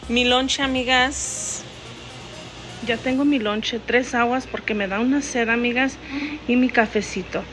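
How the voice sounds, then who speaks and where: This higher-voiced woman keeps a steady tone and measured pace, her voice a bit bright, while she chats casually to the camera in her vlog. She addresses viewers as friends and switches between Spanish and English. Filmed on an arm's-length phone in her home kitchen and later a car, with faint music behind her.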